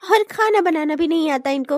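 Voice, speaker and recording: Woman doing a bratty teen sister in a cartoon, squeaky high, giggly and mean. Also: moderate pace, dry recording, studio quality, close to an everyday voice. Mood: taunting. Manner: teasing, giggling, sarcastic. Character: mocking teenage sister-in-law, bratty. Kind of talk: comic cartoon voice acting.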